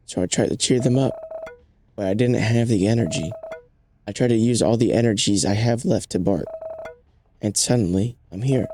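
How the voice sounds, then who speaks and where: A man's voice: fairly low pitch, close to an everyday voice. Earnest young dog, voiced by a man, innocent and devoted. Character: loyal young pet dog, earnest and sweet.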